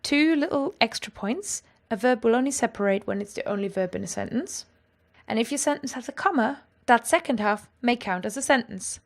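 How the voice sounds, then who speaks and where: A woman with a slightly high voice gives a language lesson. She explains clearly and with enthusiasm. She pronounces each example word with care. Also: expressive, brisk. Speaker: language teacher.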